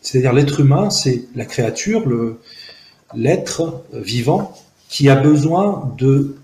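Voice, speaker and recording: In a park-like garden beside some buildings, an Algerian man in his forties whose first language is Arabic gives reflective testimony as an interview guest, speaking close to the camera. He is earnest and analytical, often pausing, using fillers and restarting. His mid-range voice is expressive and dark-toned, and the sound is roomy.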